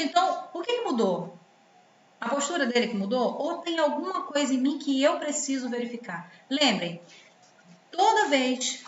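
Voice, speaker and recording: Expressive woman giving advice. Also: a little high. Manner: expressive, rhetorical questions, acts out quoted voices. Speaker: relationship advice host. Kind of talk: commented reading, advice talk. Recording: roomy, slightly dull sound with faint background noise.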